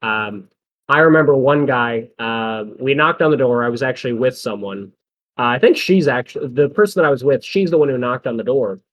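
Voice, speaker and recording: With an expressive, slightly bright medium-pitched voice and a somewhat quick pace, a young man from the American Midwest spins stories as a co-host on a laid-back podcast. He voices the quoted lines himself and laughs frequently.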